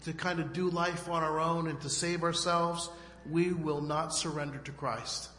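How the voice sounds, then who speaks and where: A man preaching a sermon in short phrases, pausing so an interpreter can translate. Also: a little high, little pitch movement, fairly bright tone. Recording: echoey hall with long reverb.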